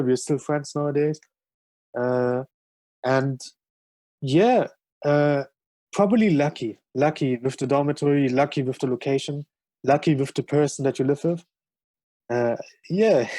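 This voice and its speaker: A German-accented man chats as a podcast guest with real enthusiasm. His voice is a little high yet mellow. The recording is dry and close. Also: dry recording. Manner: enthusiastic, frequent fillers. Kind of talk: casual chat.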